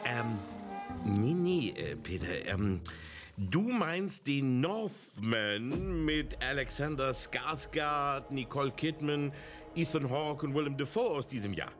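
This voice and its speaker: A man co-hosting a comic film show with wordy, drily teasing banter and halting delivery. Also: mid-range voice, animated, fairly bright tone, soft background music. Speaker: co-host of a bad-movie show.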